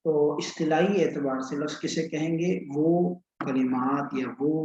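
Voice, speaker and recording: A man's voice: fairly high pitch, darkish tone. A male teacher giving a patient lesson, repeating and explaining each point step by step and asking questions. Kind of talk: classroom lecture on grammar. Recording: echoey room, dull lo-fi sound with faint hiss.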